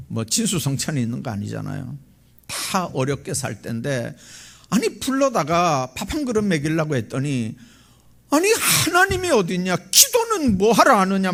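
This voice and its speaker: A man's voice: gravelly, husky. A man who is a pastor, preaching a sermon in a church with impassioned swells and emotional emphasis. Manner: impassioned preaching with big swells in pitch and volume. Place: church sanctuary.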